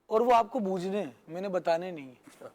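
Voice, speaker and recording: A man's voice: sits high, a little mellow. A man adds poetic quips to a talk show discussion.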